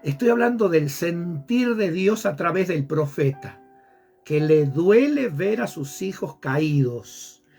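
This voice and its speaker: A man's voice: a little high, animated, slow, a little mellow, breathy edge, faint music behind. A man who is a pastor, preaching fervently with a repetitive sermon cadence. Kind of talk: impassioned preaching on a program.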